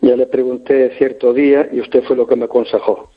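A man's voice: mid-range voice, flat delivery, fairly quick, slightly rough. A man calling in to a radio show over the phone, talking politely and hesitantly with many restarts. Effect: heard over the phone. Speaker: radio caller. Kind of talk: casual call-in chat. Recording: tinny phone line.

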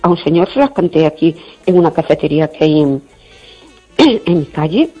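An older woman, a guest in a casual chat, tells stories in an outspoken, indignant way, acting out quoted dialogue and often clearing her throat. Her voice sits low and warm, animated at a normal speed. The lo-fi recording is dull, with faint music behind.

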